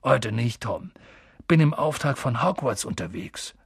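Male reader voicing a burly, gruff giant, low and husky, chatty and blunt. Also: expressive, a little slow, full character voice. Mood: hearty. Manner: low, gruff, confiding, drops words. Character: huge, good-natured male gamekeeper.

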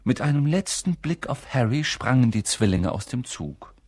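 Ein Mann, der ein Hörbuch langsam und sehr ausdrucksvoll vorliest. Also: male voice, mid-range voice, slightly rough, no echo, clean studio sound. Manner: slow, very expressive reading. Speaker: audiobook reader. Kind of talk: scripted narration.

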